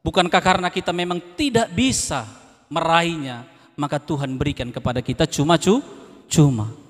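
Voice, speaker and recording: A man preaches to a congregation. His voice sits a little high and carries a long hall reverb. He swings between hushed pleading and loud, rising exhortation and keeps calling on the listeners to respond. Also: normal speed. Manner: calls on the congregation to respond, repeating phrases. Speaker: evangelist preacher. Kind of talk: sermon.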